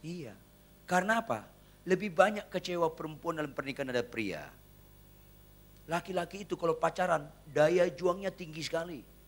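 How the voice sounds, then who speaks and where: A male pastor preaching a humorous sermon, teasing the congregation and swinging between loud punchlines and hushed asides. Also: on the high side, expressive, moderate pace, pauses often. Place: church.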